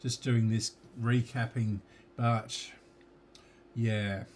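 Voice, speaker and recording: An Australian electronics repair hobbyist talks casually through fixing a radio at his workbench, speaking slowly and muttering to himself, sometimes with his mouth full. His voice is medium-pitched and level, with a darkish tone, and the recording carries a slight hiss or hum.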